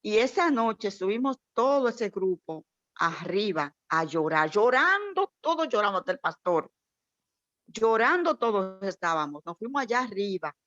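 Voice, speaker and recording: A woman tells an emotional church testimony in an animated, storytelling way. Her voice sounds dry and close, with a somewhat dull, lo-fi tone. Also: mid-range voice, normal speed, no room sound. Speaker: church member sharing testimony. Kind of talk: heartfelt testimony in a prayer meeting.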